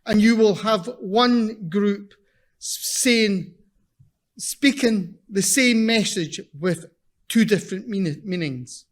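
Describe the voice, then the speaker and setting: A man with a broad Scottish accent giving a conference presentation in a blunt, emphatic, deliberate manner, repeating his key points. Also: sits high. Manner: slow, deliberate delivery for non-native listeners. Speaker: invited seminar speaker.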